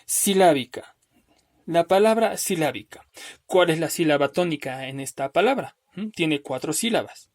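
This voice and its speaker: A man teaching a recorded spelling lesson over slides, patient and step by step, often checking in with "¿no?" and slowly drawing out words to show where the stress falls. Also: on the high side, animated. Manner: patient, explains step by step with frequent "¿no?".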